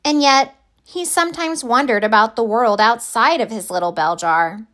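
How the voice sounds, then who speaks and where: A woman reads a children's picture book aloud like a storyteller, her voice a little high and her phrasing deliberate and expressive.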